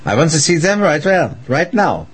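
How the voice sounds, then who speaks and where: A man's voice: medium pitch, big pitch swings, slow, husky, pitched above the performer's own voice, exaggerated voice. A man voicing a tyrannical, impatient male dictator in a story, ranting wildly and unhinged. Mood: agitated, demanding. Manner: wild unhinged ranting, screaming like a madman. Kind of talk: dramatised storytelling.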